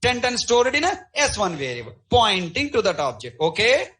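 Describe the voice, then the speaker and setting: A man's voice: high-pitched, normal speed, rough recording. A middle-aged man teaching a live programming class, constantly quizzing his students. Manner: animated, questioning students constantly.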